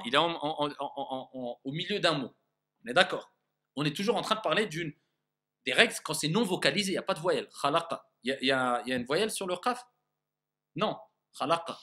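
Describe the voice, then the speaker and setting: In a classroom-style lesson on Quran recitation, a man speaks in a pushed, bright voice that sits on the high side. Patiently, he models sounds out loud and keeps confirming that his students are following.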